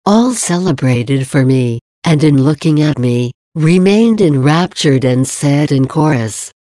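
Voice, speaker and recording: Brief: woman reading as a tender queen of heaven, low and slow, mellow and dry. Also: expressive, no room sound. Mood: solemn. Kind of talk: devotional reading.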